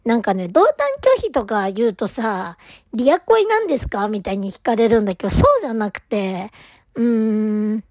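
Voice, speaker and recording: A woman's voice: mid-range voice, expressive, normal speed, a little mellow, dry recording, clean studio sound. A woman talking casually to camera as a fan, gushing and rambling about her favorite idol, sometimes dropping almost to a whisper. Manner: gushing, rambling, drops to near-whisper at times. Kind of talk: casual solo talk to camera.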